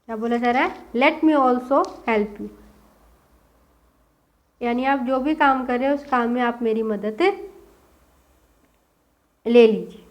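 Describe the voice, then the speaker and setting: A woman teaching a spoken English lesson. She asks the class questions and repeats each English sentence slowly, word by word. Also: on the high side, fairly even intonation, darkish tone, poor audio.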